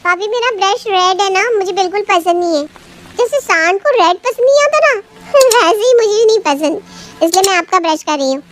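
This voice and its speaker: A woman's voice: extremely high pitch, fast talker, a bit bright, soft background music, voice pushed up. A woman voicing a spoiled, cheeky young sister-in-law who talks in a teasing, careless way.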